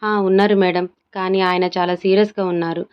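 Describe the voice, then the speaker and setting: A woman's voice: lowish voice, level tone, a little fast, clear, resonant tone, lo-fi sound, natural voice. A woman doing a timid grumbling office peon. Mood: nervous. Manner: nervous, grumbling under his breath.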